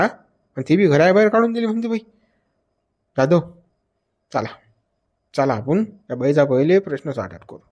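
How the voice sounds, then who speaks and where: A man's voice: fairly high pitch, a little mellow. A man playing a village police inspector who gives orders and questions a complainant. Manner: commanding, questioning, mixing English words. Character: village police inspector, self-important but helpful. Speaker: police officer. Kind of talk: comedy skit acting.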